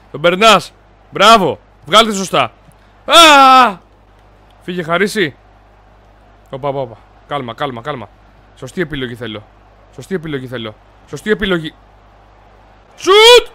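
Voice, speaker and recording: A young man loudly commenting while he plays a football video game, cheering and cursing at his players. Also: a little high, pauses often. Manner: loud, excitable, yells and swears at his players. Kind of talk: excited gaming commentary.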